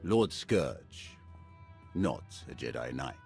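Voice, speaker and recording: An actor playing a grave, menacing dark lord in a video game, speaking solemnly and formally. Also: male voice, a bass voice, very animated, slow, vocal fry, soft background music, exaggerated voice. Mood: grave, ominous. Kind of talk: dramatic video game acting.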